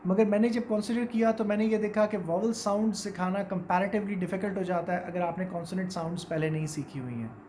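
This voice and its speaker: A man's voice: high voice, darkish tone, slight background noise. A man with a Pakistani accent teaching English pronunciation, explaining casually and mixing English words into his talk. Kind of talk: informal spoken lesson.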